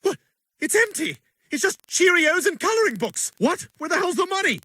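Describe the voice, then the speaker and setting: An actor voicing a panicky cartoon robber who gets frantic when the loot is missing. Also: male voice, very high voice, sing-song, moderate pace, sharp tone, dry recording, exaggerated voice.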